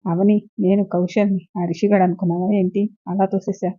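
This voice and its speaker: A woman's voice: medium pitch, flat delivery, brisk, warm tone, dry recording, close to an everyday voice. Woman reading as a pushy lovesick young man. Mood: pleading. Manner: pleading, insistent. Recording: dull lo-fi recording.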